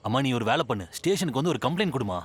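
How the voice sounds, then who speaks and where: An actor playing a gruff middle-aged policeman who talks bluntly and scolds. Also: medium pitch, very animated, very fast. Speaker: police officer.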